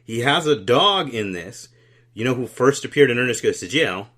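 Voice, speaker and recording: A man co-hosting a podcast, chatting casually about a film with animated, jokey tangents. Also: mid-range voice, moderate pace. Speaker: podcast co-host. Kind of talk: casual comedic film review chat.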